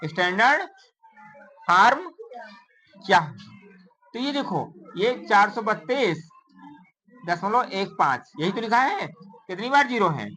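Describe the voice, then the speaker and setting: A woman's voice: medium pitch, very animated, unhurried, fairly bright tone, faint music behind, poor audio. Woman teacher counting aloud to pupils. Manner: counts digits aloud and quizzes students with repeated questions; calls pupils "beta" in a coaxing tone. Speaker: math teacher. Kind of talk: classroom lesson. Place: classroom.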